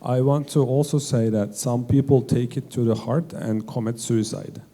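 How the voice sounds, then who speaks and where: A man speaking as a panelist at a fireside chat, earnest and halting, often rephrasing mid-sentence. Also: mid-range voice, fairly even intonation, mellow.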